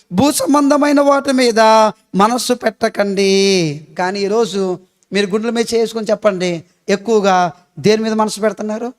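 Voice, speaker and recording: A male pastor with a Telugu accent, preaching a sermon full of rhetorical questions and repeated emphatic phrases. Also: very high voice.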